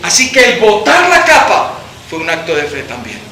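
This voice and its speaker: A man pastor preaching a sermon in a church hall, impassioned and alternating between loud and soft. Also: high-pitched, huge pitch swings, normal speed. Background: congregation answering.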